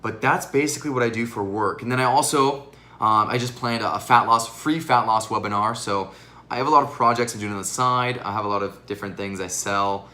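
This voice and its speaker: Young guy fitness coach vlogging, kinda low voice but punchy and forceful, a bit worn out from teaching all day. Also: fairly quick. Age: 20s. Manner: earnest, talks straight to viewers. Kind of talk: casual Q&A vlog to camera.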